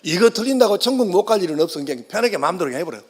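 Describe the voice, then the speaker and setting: A man's voice: high voice, sing-song, racing, darkish tone, husky. A man preaching a sermon as pastor, blunt and colloquial, putting questions straight to the congregation.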